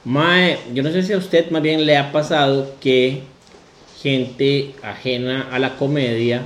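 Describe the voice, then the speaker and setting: A Costa Rican man with a Costa Rican accent, a comedian chatting casually and relaxed on a podcast, full of slang. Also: mid-range voice, slow, roomy sound. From Costa Rica. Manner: slangy, relaxed, says 'mae' constantly. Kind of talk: casual chat.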